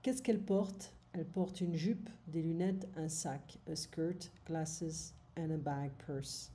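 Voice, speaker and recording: A woman tutor walks her student through a recorded lesson recap. She explains each point in French, then says it again in English. Her voice is dark and mellow, a little lower than most, and she talks at a very slow, patient pace. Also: fairly even intonation.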